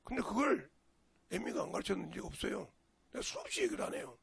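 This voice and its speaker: Older korean preacher man, jeolla accent, highish voice, telling homey stories in his sermon. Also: wildly swooping pitch, fast talker, gravelly, a bit bright. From Jeolla region, Korea. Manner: folksy, storytelling preaching with sudden emphatic rises. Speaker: pastor.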